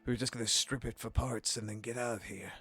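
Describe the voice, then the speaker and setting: Gruff male space pirate captain, put on by a game master, matter-of-fact, mid-pitched. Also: fairly even intonation, fast talker, pushed and bright. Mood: gruff, wary.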